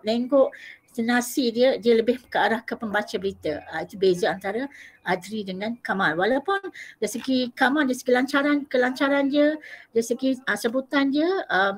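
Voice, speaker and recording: A woman's voice: on the high side, a little hiss or hum. A woman teacher leading an online class over a video call. She calls on students by name and coaxes answers out of them with questions.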